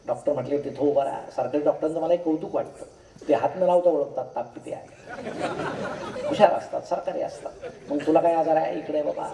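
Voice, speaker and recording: Telling jokes and acting out his stories' dialogue, a Marathi-accented man gives a humorous public talk in a mellow, somewhat high voice. The sound comes from a distant mic in an echoey hall, and a crowd can be heard.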